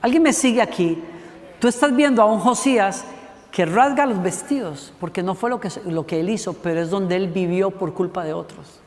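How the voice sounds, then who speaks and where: A man preaching a sermon as a pastor, telling a Bible story in an animated way and acting out the voices of its characters. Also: high-pitched, normal speed, in a large hall. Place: church sanctuary.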